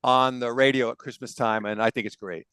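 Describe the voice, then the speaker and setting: A man's voice: medium pitch, steady tone, a little fast, bright, forceful tone, smooth, no room sound, low-quality recording. A man hosting a casual music debate show, opinionated and enthusiastic as he tells stories. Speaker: podcast host. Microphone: on camera, video call.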